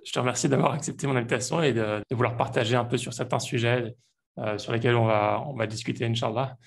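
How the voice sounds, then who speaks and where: A man hosting an interview podcast, calm and polite as he welcomes his guest. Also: medium pitch, fast, vocal fry, breathy edge. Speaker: podcast host. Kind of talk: casual interview talk.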